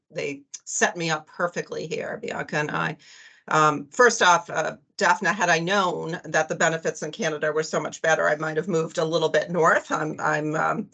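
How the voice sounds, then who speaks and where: A woman with a Boston accent tells stories in a friendly, conversational way on a virtual panel. Her voice is crisp and forceful, with a gravelly edge. It comes through a video call. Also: sits low. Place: home office over video call.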